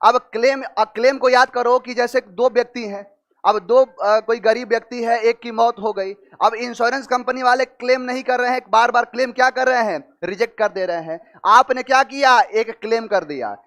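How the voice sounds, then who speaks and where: High-voiced teacher asking himself questions. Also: male voice, moderate pace, fairly bright tone. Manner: asks and answers his own questions. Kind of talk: vocabulary lesson with memory tricks.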